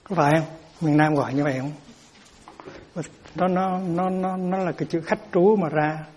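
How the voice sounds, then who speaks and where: A man's voice: fairly high pitch, moderate pace, darkish tone, breathy edge. A man giving a Buddhist dharma talk as teacher, explaining terms patiently and often repeating words as he searches for them.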